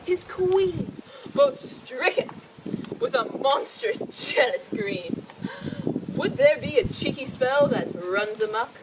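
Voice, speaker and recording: A woman's voice: sits high, heavily acted. A woman playing a cheeky, mischievous fairy sprite, reciting verse to the audience in hammy, declamatory stage style. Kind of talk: theatrical verse narration on stage. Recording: noisy live stage, distant microphone.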